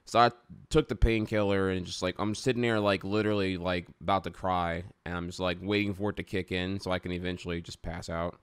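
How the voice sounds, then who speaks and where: A man with a sore, stiff jaw after wisdom tooth surgery, chatting casually and frankly in a rambling, halting way with some swearing. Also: low voice, steady tone, smooth. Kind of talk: casual unscripted chat to an audience.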